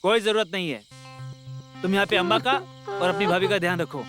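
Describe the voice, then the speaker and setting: A man's voice: high voice, fairly quick, music in the background, lightly acted. A man playing a doting young village husband. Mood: worried. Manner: teasing, repeats filler tags. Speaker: young husband, elder son.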